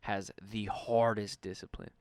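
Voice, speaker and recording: A man's voice: lowish voice, level tone, a little slow, darkish tone, no echo. A young man co-hosting a casual podcast chat, loose and profane with lots of slang. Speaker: podcast co-host.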